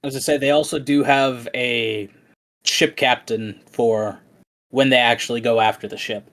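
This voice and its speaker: A man's voice: mid-range voice, fairly even intonation, moderate pace, fairly bright tone. A man running a tabletop game as game master, casual and matter-of-fact.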